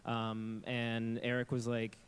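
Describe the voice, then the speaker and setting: A man's voice: mid-range voice, completely flat delivery, takes it slowly, clear, resonant tone. A man who composes game music, chatting casually and loosely on a convention panel. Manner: casual, rambling, plain-spoken. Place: live convention stage.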